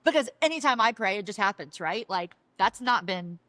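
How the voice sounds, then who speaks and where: A woman's voice: mid-range voice, moderate pace, no echo. A woman sharing her personal story in a casual podcast chat, acting out the voices of the people in it. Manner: animated, acts out dialogue with quoted voices. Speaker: guest sharing testimony.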